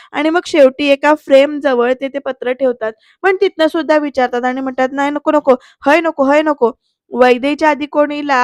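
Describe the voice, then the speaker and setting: A woman's voice: sits high, dry recording, clean studio sound. A woman narrating a voice-over review, retelling an episode in a chatty storytelling way with asides to viewers. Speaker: serial reviewer.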